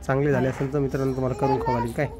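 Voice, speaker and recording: A man's voice: medium pitch, level tone, very fast, a crowd in the background. A man, a family vlogger and father, chatting casually in a home kitchen while filming on a phone, coaxing his small child and turning to speak to viewers. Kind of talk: casual home vlog chat.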